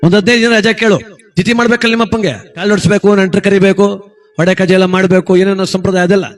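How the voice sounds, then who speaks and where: A man voicing a practical village wife giving brisk instructions. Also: high-pitched, steady tone, soft background music, close to an everyday voice. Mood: instructing.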